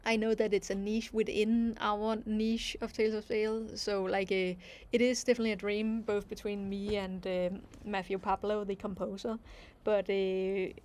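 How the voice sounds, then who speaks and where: A Danish woman with a Danish accent speaks at a medium pitch in a level, somewhat dark tone and a moderate pace. She's an animation creator hosting a casual livestream Q&A, reading viewer questions aloud and answering them thoughtfully with plenty of ums and other fillers.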